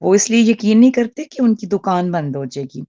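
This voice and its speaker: This caller, a woman in her 40s on a call line, has a warm, medium-pitched voice that is expressive at a moderate pace. Earnest but halting, she uses lots of fillers and restarts; the sound is dull and has no echo.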